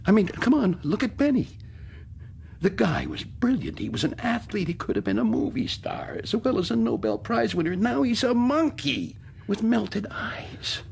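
Paranoid tormented survivor, radio play, creaky, wildly swinging pitch, bitter and volatile. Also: male voice, huge pitch swings, normal speed, a little hiss or hum, exaggerated voice. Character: Ted, paranoid, tormented male survivor who narrates. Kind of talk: radio drama acting.

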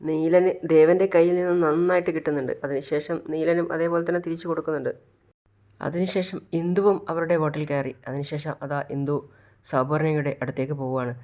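A man retelling a serial episode in a casual spoken way, his voice on the higher side. He narrates steadily and slips into the characters' lines as he tells it. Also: a little mellow. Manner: retells scenes and acts out the lines of each character. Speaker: storyteller recapping a TV serial.

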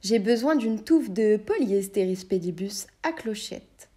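A woman's voice: mid-range voice, expressive, a little slow, warm tone, close to an everyday voice. A woman voicing a fussy, theatrical old bearded magician, in a storybook reading. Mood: explaining. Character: bearded old male magician, pottering and pleased with himself.

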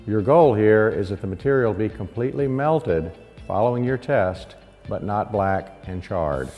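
Measured man with a low voice. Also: long reverb tail, soft background music. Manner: steady, measured, explanatory. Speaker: product presenter. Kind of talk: scripted instructional narration. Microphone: lapel mic.

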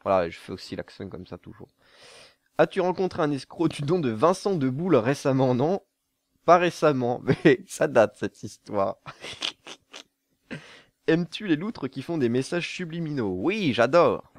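A man's voice: mid-range voice, big pitch swings, unhurried, no echo. A young man from southern France answering viewer questions to camera in a casual, jokey way, laughing at his own jokes and stumbling over fillers.

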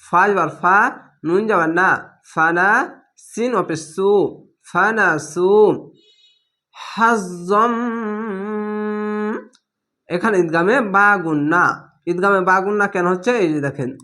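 Slow, patient man teaching Quran reading. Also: sits high, sharp tone. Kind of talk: slow spelled-out recitation lesson.

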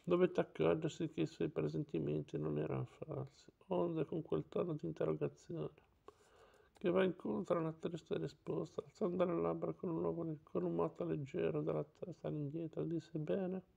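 Gravelly man reading a novel aloud. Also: a little high, moderate pace, highs cut off. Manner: steady reading with small slips and self-corrections. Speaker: reader of a classic novel.

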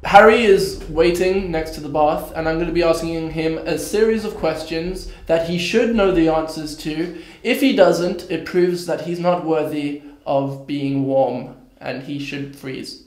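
A man's voice: on the high side, steady tone, measured pace, few pauses. A giggly young man hosting a challenge video, reading out quiz questions and bantering in a small bathroom. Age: young adult. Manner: giggly, often breaking into laughter. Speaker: host and quizmaster. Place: small tiled bathroom, indoors. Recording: echoey bathroom, music behind.

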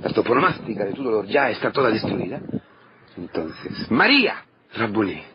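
A man preaching an impassioned sermon as a priest, swinging from loud declarations to hushed asides. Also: on the low side, expressive, moderate pace. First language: Italian. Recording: dull lo-fi recording with faint noise.

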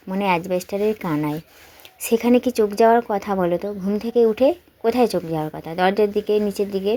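A woman's voice: on the high side, warm tone. A woman with a West Bengal accent chatting casually to viewers as a home vlogger, often asking them questions. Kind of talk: casual chat to viewers while doing household chores. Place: at home, mostly in the kitchen.

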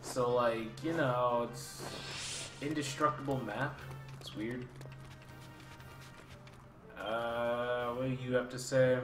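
A man's voice: medium pitch, fairly even intonation, drawn-out words, long pauses. A man giving casual let's play commentary, offhand and sarcastic, with some swearing. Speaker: streamer playing a game live. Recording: roomy echo, faint game music.

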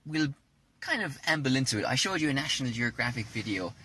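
A man's voice: medium pitch, animated, quick pace, pushed and bright, a little hiss or hum. A man co-hosting a podcast in casual, jokey chat, rambling with many fillers and restarts. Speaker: podcast co-host.

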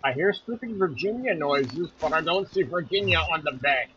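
A man streaming a survival game, chatting casually and breaking into excited exclamations and humming. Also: a little high, moderate pace, muffled recording, a little hiss or hum. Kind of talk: casual gameplay commentary.

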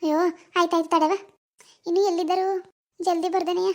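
A woman's voice: very high-pitched, little pitch movement, brisk. A woman voicing an anxious village mother in a cartoon, soothing and fussing. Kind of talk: cartoon voice acting.

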